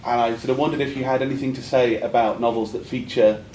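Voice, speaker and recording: A man's dark-leaning voice, quick and fairly even in intonation, asks an academic question from the audience at a conference. He's polite but hesitant and wanders a bit, recorded in an echoey room with a faint rumble.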